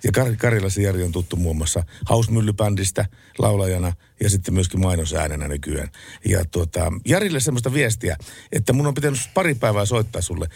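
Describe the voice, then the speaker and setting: A man hosting late-night radio in a studio, chatting casually and acting out a story with loud, animated phone-call voices. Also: low voice, gravelly, breathy edge, dry recording. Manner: animated storyteller, acts out phone calls loudly. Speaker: radio host. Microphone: studio microphone.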